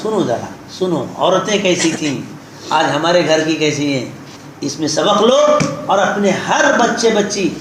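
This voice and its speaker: A man's voice: high voice, fairly bright tone. A man preaching a sermon, telling a story and speaking straight to his listeners. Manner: tells a story and addresses listeners directly. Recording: very echoey hall with background noise.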